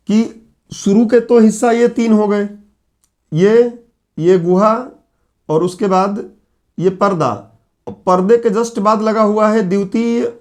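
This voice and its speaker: A middle-aged man teaching in a classroom, his voice pitched notably high and roughened by a sore throat. He works through the lesson point by point, firing questions at the class and answering them himself. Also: a little mellow. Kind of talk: classroom lecture at a whiteboard.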